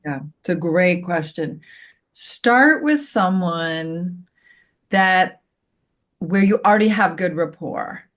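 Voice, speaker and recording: A middle-aged woman, a co-parenting coach, explaining her ideas calmly as a podcast guest and walking through everyday examples. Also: lowish voice. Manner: calm, gently explanatory, gives worked examples.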